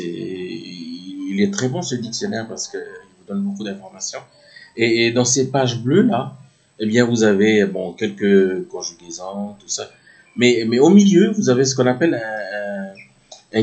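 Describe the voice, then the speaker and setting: A man with a fairly low voice gives a relaxed English lesson. He talks slowly and pauses often. His pitch rises and falls a lot as he reads each phrase and then repeats it. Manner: slow and hesitant, reads phrases aloud and repeats them. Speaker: English teacher. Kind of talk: casual video lesson.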